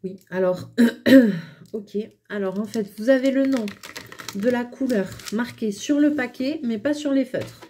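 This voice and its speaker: A woman's voice: on the high side, a little slow, slight background noise. A young French woman talking casually to camera while testing felt pens, with lots of fillers and hesitations. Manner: hesitant, many fillers, chatty and relaxed. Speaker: craft vlogger reviewing pens. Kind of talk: casual product review.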